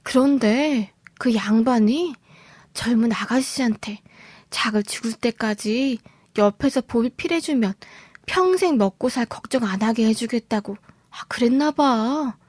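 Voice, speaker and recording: Chatty nosy neighbor, folksy drawl, fairly high voice, dry sound, as a woman puts her on. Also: unhurried, a little mellow, no room sound. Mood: gossiping.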